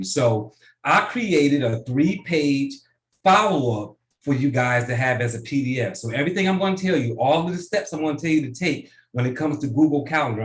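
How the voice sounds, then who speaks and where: Man, business coach, casual video-call tutorial, roomy echo, mid pitch. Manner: casual, repeats "right?" often. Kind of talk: online tutorial training.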